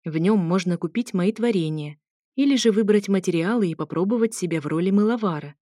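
Female audiobook narrator, intimate romance read, dark-toned, dry booth. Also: medium pitch, a little fast, dry recording. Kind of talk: first-person romance narration.

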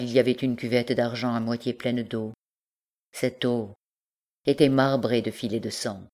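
A woman narrating a classic novel as an audiobook, in a measured, unhurried way. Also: a bass voice, darkish tone.

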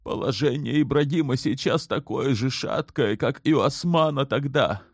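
A man's voice: medium pitch, normal speed, husky, no room sound, clean studio sound, pitched above the performer's own voice. A man voicing the sultan's mother in an audiobook, an older woman who speaks firmly and measuredly, clipped when pressed. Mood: stern. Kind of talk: audiobook character voice.

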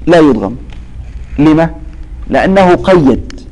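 Sheikh teaching Quran recitation. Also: male voice, a little high, animated, a little slow, a little mellow, low-quality recording. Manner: questions and answers his own questions; addresses students by name. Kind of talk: explaining lesson with recited verses.

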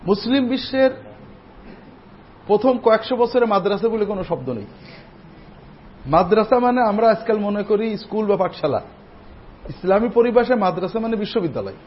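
A man giving a Friday sermon as imam in a mosque, speaking straight to the congregation after a slow chanted Arabic opening. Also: sits high. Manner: teaching, addressing the congregation directly. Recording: dull lo-fi recording with faint noise.

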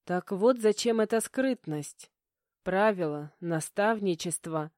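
A woman's voice: mid-range voice, slow pace, darkish tone, no echo, clean studio sound, close to an everyday voice. A woman reading an audiobook, voicing a defiant, frightened young woman who talks back indignantly. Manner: indignant, pleading.

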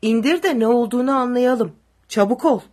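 A woman voicing a brutal tall male soldier who barks threats and orders, with a husky voice. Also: medium pitch, animated, moderate pace, a little mellow. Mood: vicious.

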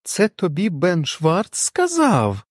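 A man voicing an indignant, fussy wife who scolds her husband in a shrill voice, in a dry audiobook reading. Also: huge pitch swings, slow, dry recording, full character voice. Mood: scolding.

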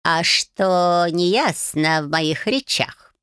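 A woman voicing an ancient, proud male magic cat who speaks slowly and haughtily and slips meows in between his words. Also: fairly low pitch, fairly bright tone, clear, resonant tone, dry recording, clean studio sound. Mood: irritated. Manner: slow, drawn-out, haughty, with meows. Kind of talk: audiobook character voice.

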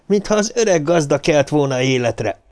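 A man's voice: fairly high pitch, lively intonation, a little mellow, natural voice. Man doing a boisterous gray-haired colonel, raised voice, audiobook character. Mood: hearty. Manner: boisterous, exclaiming. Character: hearty gray-haired muscular male colonel.

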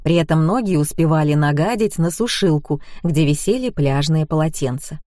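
Lowish woman narrating an audiobook. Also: normal speed, dry recording, clean studio sound. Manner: lively storytelling with many character voices.

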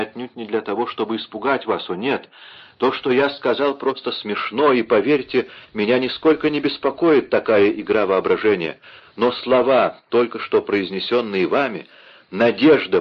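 A man's voice: on the low side, highs cut off, lightly acted. A man playing a passionate, devoted young nobleman in an audiobook, speaking ardently. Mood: tender. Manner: ardent, impassioned.

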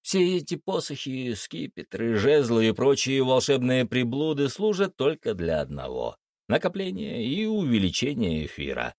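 A man's voice: mid-range voice, huge pitch swings, normal speed, darkish tone, no room sound. A man narrating a first-person fantasy audiobook in a wry, slangy manner, recorded close to the mic.

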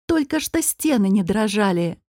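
A woman narrating an audiobook with an even, expressive reading. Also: mid-range voice, moderate pace, no echo, studio quality.

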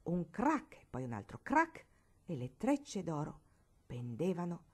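Expressive woman reading a novel aloud. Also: on the low side, a little slow, husky. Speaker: storybook reader. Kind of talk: scripted narration of a novel.

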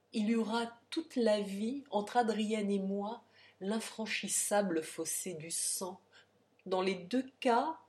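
A woman voicing a quiet, restrained brooding man. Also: medium pitch, natural voice. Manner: soft, restrained, quietly sad. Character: self-controlled, brooding self-made rich man.

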